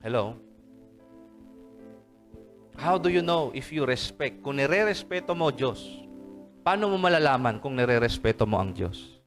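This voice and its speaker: A man's voice: medium pitch, animated, unhurried, long pauses, soft background music. A man with a Filipino accent, a pastor preaching a sermon at a worship service, switching between English and Tagalog and calling out "Amen?" to his congregation. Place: church service hall.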